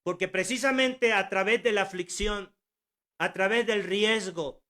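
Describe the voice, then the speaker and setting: A man's voice: high-pitched, unhurried, sharp tone. Earnest older man preaching a sermon. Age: 60s. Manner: earnest, exhorting, with rhetorical questions and repetition. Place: at home.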